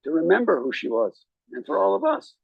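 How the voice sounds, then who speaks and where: A man speaking as a rabbi at a graveside, giving a eulogy in a measured, reflective way with deliberate pauses. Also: high voice, wildly swooping pitch, vocal fry, no room sound, phone-quality sound. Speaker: rabbi officiating at a funeral.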